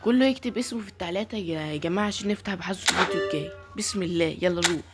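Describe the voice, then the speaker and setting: A woman's voice: fairly low pitch, racing, over loud music. A woman with an Egyptian accent giving live gameplay commentary, pleading and complaining about her luck as she opens each pack. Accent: Egyptian Arabic. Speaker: gaming YouTuber.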